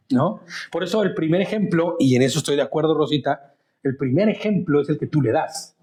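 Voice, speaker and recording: A man's voice: fairly high pitch, warm tone. A man teaching a conversational Bible study, often turning to his listeners with questions. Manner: chatty, asks listeners questions.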